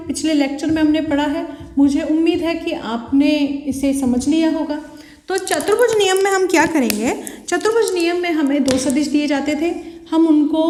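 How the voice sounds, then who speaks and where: A woman teaches physics on video, asking her own questions and supplying the answers. Her voice is high and slightly mellow, and the room sounds echoey.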